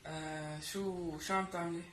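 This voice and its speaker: A man's voice: on the high side, steady tone, moderate pace, a bit bright. A young man with a Levantine Arabic accent, chatting casually and a little hesitantly on a phone call. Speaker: YouTube co-host. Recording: echoey room, faint noise.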